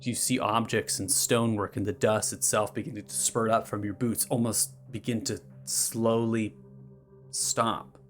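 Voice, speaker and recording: A man's voice: on the low side, flat delivery, a little slow, faint music behind. A man narrating a tabletop fantasy game as game master, with a dramatic, descriptive delivery.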